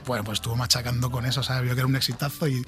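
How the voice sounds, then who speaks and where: Un hombre invitado, guionista de doblaje, que cuenta anécdotas de forma relajada. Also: male voice, mid-range voice, little pitch movement, rapid-fire, a bit bright, soft background music. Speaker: guest, dubbing writer. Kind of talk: casual chat.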